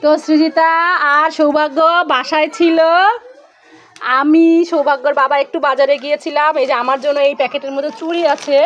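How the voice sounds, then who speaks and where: A woman's voice: high voice, fairly bright tone. A young mother filming a family vlog, coaxing and playfully chatting with her small children. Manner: coaxing, playful talk to toddlers. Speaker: mother and vlogger.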